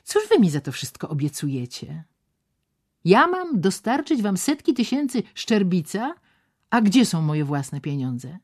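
A woman's voice: lowish voice, big pitch swings, unhurried, darkish tone, pitched above the performer's own voice. A woman voicing a defiant, scornful young woman who is trapped, in a spoken storybook reading.

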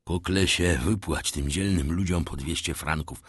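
Man voicing a gentle, ruined old shipowner. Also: low-pitched, unhurried, slightly rough, no echo, studio quality. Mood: moved. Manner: soft, warm, sorrowful.

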